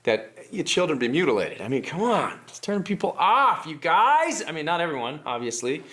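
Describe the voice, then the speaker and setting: Man, sketch comedian, mock-earnest sarcasm, voice sits a little high. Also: big pitch swings, a little fast, fairly bright tone, a little hiss or hum. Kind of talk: satirical sketch acting.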